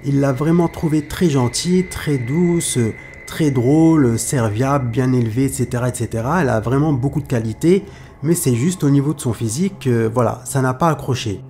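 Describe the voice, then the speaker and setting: A man's voice: mid-range voice, normal speed, dark tone, slight background noise, natural voice. A man voicing an apologetic middle-aged mother. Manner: apologetic, hedging. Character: polite middle-aged mother declining a marriage.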